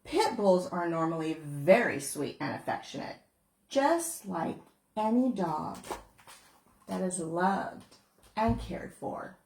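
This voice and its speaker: A woman voicing a calm adult female shelter worker who speaks matter-of-factly and reassuringly. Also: fairly low pitch, takes it slowly, echoey room, pitched below the performer's own voice, low-quality recording.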